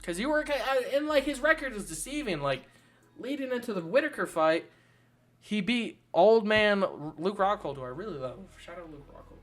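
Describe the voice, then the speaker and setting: A man's voice: sits high, expressive, moderate pace, a bit bright, faint music behind. A man hosting his own channel, ranting about fighters in casual, sarcastic commentary full of swearing. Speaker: channel host.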